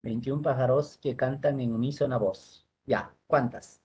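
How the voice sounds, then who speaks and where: A man's voice: mid-range voice, steady tone, unhurried, warm tone, breathy edge. A male teacher giving an online lesson on rules, patiently spelling words out syllable by syllable.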